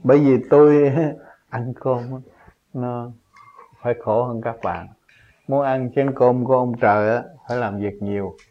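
A man's voice: medium pitch, steady tone, a little slow. A man giving a spontaneous religious teaching, emphatic and full of rhetorical questions, his voice jumping up on key points. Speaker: spiritual teacher. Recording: dull lo-fi recording.

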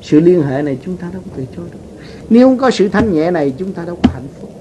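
A man giving a spiritual teaching, speaking earnestly, with big swings in pitch and loudness. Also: lively intonation, rapid-fire. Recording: noisy recording with rain behind.

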